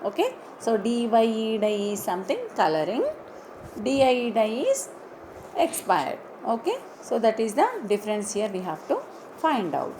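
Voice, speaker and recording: A woman teaching an online English lesson, slowly spelling out words letter by letter and repeating them. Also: fairly high pitch, big pitch swings, mellow, a little hiss or hum, poor audio.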